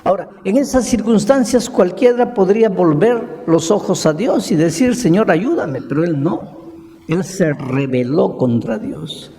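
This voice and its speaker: A male pastor delivers a sermon, building his story slowly with repeated lists and rhetorical questions. His voice sits a little high but has a mellow, dark tone and a gravelly edge. Long reverb hangs on every phrase, as if heard in a large hall. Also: animated.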